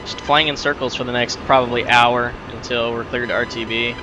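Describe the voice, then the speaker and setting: A man's voice: medium pitch, brisk. A man giving casual gameplay commentary as a flight lead, muttering to himself and mixing in military brevity calls. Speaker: flight sim player and flight lead. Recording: noisy, steady vehicle-like drone behind.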